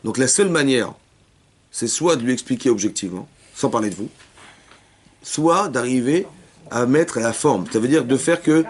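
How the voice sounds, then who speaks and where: Fast-talking rabbi giving a lesson. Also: male voice, medium pitch. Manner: rapid, repetitive, often checks if listeners understood; acts out dialogues within his explanations. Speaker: rabbi teaching a class. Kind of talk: Torah lesson for women.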